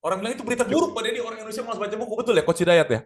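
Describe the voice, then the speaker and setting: Fast-talking energetic sales trainer, man. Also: sits high. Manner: energetic, addresses audience as Bapak Ibu, rhetorical questions. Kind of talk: lively online sales class.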